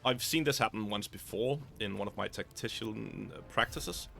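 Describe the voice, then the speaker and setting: A man's voice: fairly low pitch, moderate pace, gravelly, pushed and bright, soft background music. A man casually commenting over his own gameplay, thinking aloud and often restarting his sentences.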